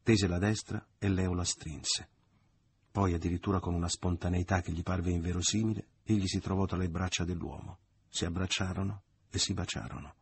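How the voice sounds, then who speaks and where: A man narrating a literary audiobook in a measured, deliberate reading. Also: deep voice, steady tone, vocal fry, slightly rough, no echo. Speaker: audiobook reader.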